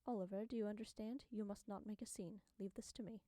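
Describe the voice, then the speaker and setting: A woman narrator voicing a poised, coolly mocking young wife with a bright, lilting voice. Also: mid-range voice, fairly even intonation, fast talker, no room sound, lightly acted. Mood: mocking gaiety.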